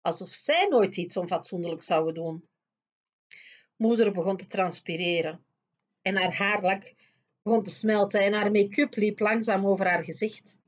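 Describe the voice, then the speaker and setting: Een vrouw die een kinderboek hardop en expressief voorleest. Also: female voice, mid-range voice, normal speed, dull audio. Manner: expressive, lively storytelling. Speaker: storyteller reading aloud. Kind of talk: reading a children's book aloud.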